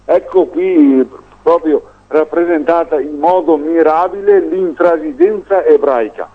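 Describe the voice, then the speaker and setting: Slow-talking male caller on a tinny phone line. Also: on the high side. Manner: halting, repeats words, tags "no?". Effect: over the phone. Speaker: radio call-in caller. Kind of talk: call-in opinion monologue. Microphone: telephone.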